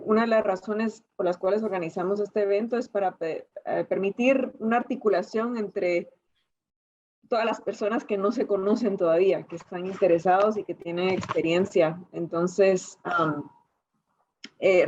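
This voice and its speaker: A woman moderating an online session over a video call, relaxed with fillers. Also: medium pitch, normal speed. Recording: slightly dull video-call audio.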